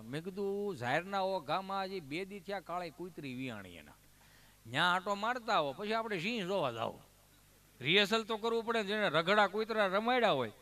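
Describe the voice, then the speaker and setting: A man from Amreli district in Gujarat telling comic stage stories in a Kathiawadi Gujarati accent. He talks in a lively way and voices the people in his tales. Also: sits high. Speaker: folk comedian storyteller.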